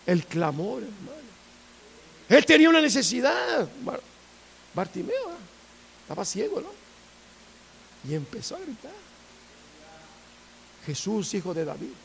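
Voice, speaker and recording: A man preaching a fervent sermon in church, repeating himself and swinging from hushed tones to loud appeals. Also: very high voice, very animated, a little slow, gravelly, long pauses, a little hiss or hum.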